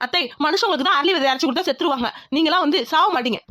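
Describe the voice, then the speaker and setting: A sharp-tongued young daughter-in-law voiced by a woman taunts in a cartoon. The voice is fairly high and rattles along quickly. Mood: taunting.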